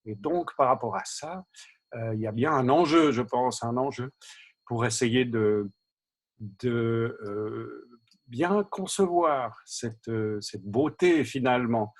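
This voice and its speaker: Philosophy teacher, male, husky voice, mid pitch, halting reflective delivery. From Switzerland. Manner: hesitant, thinking aloud with restarts and repetitions. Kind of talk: reflective spoken talk.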